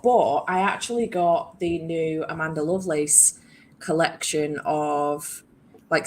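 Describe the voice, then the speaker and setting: A British woman with a low voice chats casually over faint background noise. She sounds poorly and run-down with a cold, and talks in a sweary, self-deprecating way. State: feeling ill and run-down, with a cold. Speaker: guest on a readathon livestream. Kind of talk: casual chat.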